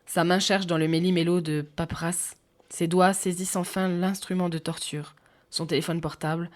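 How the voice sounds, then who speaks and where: A woman calmly narrating a sleep audiobook in an even voice. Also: on the low side, normal speed. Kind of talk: soft sleep-story narration. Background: faint music.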